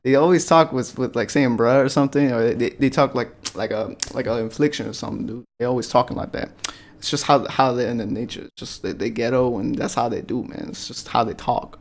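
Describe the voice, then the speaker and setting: Male reaction host, mid pitch, cursing and exasperated, mocking commentary. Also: fairly even intonation, a little fast. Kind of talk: ranting commentary.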